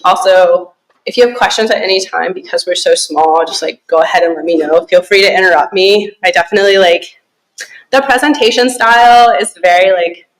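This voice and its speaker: A young woman from Alaska giving a casual presentation to a small group, relaxed and chatty with many fillers and easy laughs. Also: on the low side, fairly quick, poor audio. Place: small conference room.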